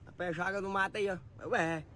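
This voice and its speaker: A man's voice: high-pitched, fairly even intonation, fast, heavy background noise. A Brazilian man with a Brazilian accent, calling out and urging others on while herding cattle.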